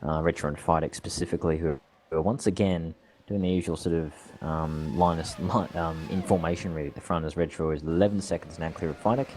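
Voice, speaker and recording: Australian male race commentator, low voice, chatty and rambling, light background noise. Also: steady tone, a little fast, a little mellow. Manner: chatty, laughs often, rambling asides. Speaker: sim racing commentator.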